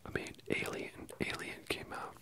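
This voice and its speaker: This is an ASMR film review delivered casually in a soft, close whisper, with hesitant pauses throughout. Captured on a close stereo mic, the sound shifts from one ear to the other.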